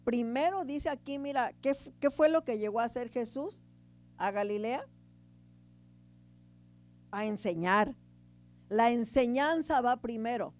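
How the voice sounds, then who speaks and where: Higher-voiced woman preaching. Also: measured pace, pauses often. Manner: conversational, keeps asking the congregation "right?"; swings between loud emphasis and quiet asides. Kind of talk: sermon.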